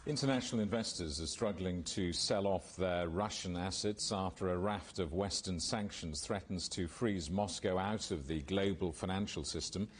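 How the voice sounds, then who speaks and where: A man presenting business news as an anchor, in a measured, formal delivery. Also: low-pitched, faint music behind.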